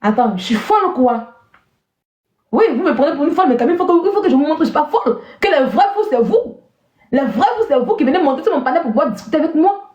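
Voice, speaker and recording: A woman hosts a live stream and scolds her callers with open scorn, repeating her jabs. Her voice sits high and swings a lot. The sound is roomy and a little dull. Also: very animated, fast talker, a little mellow. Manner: mocking, scornful, repeats herself. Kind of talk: insulting live-stream chat.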